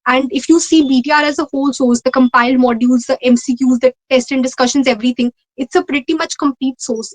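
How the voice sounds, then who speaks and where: Poor audio captures a high-pitched young woman with an Indian accent being interviewed as a top ranker in a medical postgraduate exam. She answers earnestly and conversationally, often repeating phrases to stress a point.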